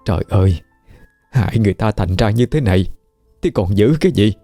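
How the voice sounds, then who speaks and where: A man voicing a frantic middle-aged village mother in a spoken ghost story, stammering and shrill. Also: lively intonation, brisk, gravelly, dark tone, no room sound, soft background music.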